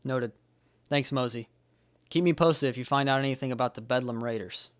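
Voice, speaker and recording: A man's voice: mid-range voice, a little fast, natural voice. A man playing a guilt-ridden young male Jedi who speaks earnestly and blames himself. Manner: earnest, self-blaming, subdued.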